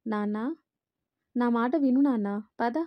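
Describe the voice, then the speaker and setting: A woman's voice: fairly high pitch, measured pace, dry recording, dull audio, lightly acted. A woman voicing a frightened, grieving young husband who speaks in an anxious, pleading way.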